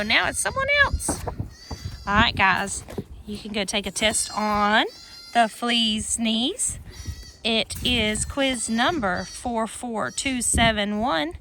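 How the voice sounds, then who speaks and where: Reading aloud to children on a farm with goats, a woman with a slightly high voice gives a rhyming picture book an expressive sing-song treatment and chats between lines. The background is noisy.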